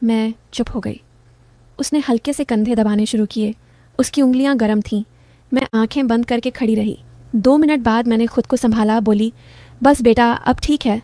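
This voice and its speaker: A woman's voice: fairly high pitch, steady tone, normal speed, mellow, no room sound. A woman in her forties narrating a first-person story in an intimate, confessional way.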